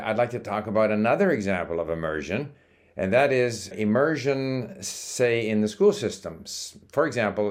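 Talking casually to the camera in a fairly low-pitched voice, this older host of a language-learning video, Swedish-born and Canadian-raised, explains things in a calm manner, pausing slightly and restarting now and then.

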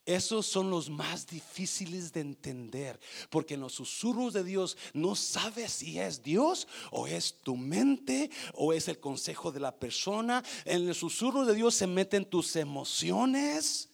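A man preaching a sermon as pastor, swinging from hushed near-whispers to loud, emphatic passages. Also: sits high, sing-song, a little slow, gravelly, few pauses. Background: instrumental music.

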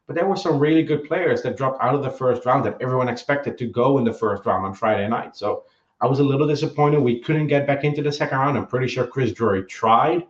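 Speaking quickly in a medium-pitched voice, this podcast guest analyst offers his views in a relaxed chat. The remote recording sounds echoey, dull, and lo-fi, and he frequently says um and starts his sentences over.

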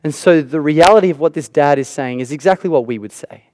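A man's voice: on the high side, fast talker, darkish tone, a little hiss or hum. A man preaching a sermon in an earnest way, repeating phrases for emphasis. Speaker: pastor.

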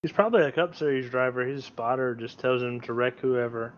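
A man's voice: medium pitch, fairly quick, muffled recording. A man co-hosting a podcast in casual chat, playful and full of hyped trash talk. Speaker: podcast co-host.

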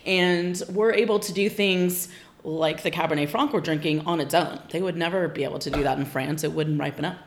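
A woman with a notably low voice talks through wine details as a podcast guest. She explains patiently and informatively, with frequent ums. She is from Northern California. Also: a little fast, slight background noise. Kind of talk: casual podcast interview.

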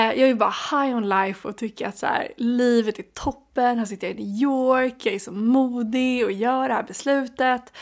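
A young woman relaxed in casual conversation, talking in a slightly high voice. She tells her story in an animated way and laughs often. It has the easy feel of a co-host on a podcast. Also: creaky. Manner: animated, laughs while telling stories.

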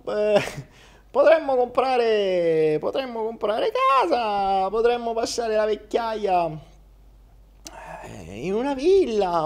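A man voicing an old grandmother in a squeaky falsetto, wobbly and slow. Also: gravelly, a little mellow, exaggerated voice. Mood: musing. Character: old grandmother, doting then greedy.

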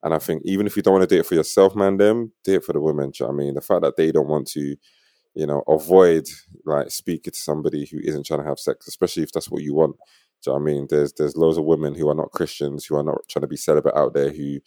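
A man's voice: extremely low pitch, steady tone, quick pace, warm tone, no room sound, studio quality. A young man with a London roadman accent hosting a podcast in casual, slangy street talk. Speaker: podcast host.

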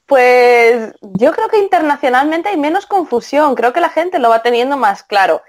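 A woman's voice: high-pitched, moderate pace. A woman from Spain with a Spanish accent, chatting as a guest translator and acting out the dialogue she quotes. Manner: animated, acts out quoted dialogue. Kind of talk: casual podcast chat.

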